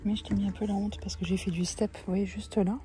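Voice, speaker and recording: A woman's voice: mid-range voice, little pitch movement, fast talker, warm tone. A middle-aged woman chatting casually in her vlog, self-mocking and hesitant, often trailing off with fillers. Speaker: vlogger.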